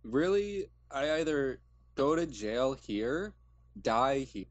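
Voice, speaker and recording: A man's voice: mid-range voice, big pitch swings, takes it slowly. A man playing a tabletop game who talks in a casual, laid-back, slangy way. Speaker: player. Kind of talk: tabletop role-play chat.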